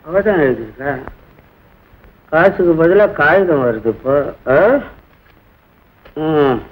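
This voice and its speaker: A slow, muttering letter reader. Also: male voice, a little high, expressive, low-quality recording. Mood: sulky. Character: disappointed man reading a letter.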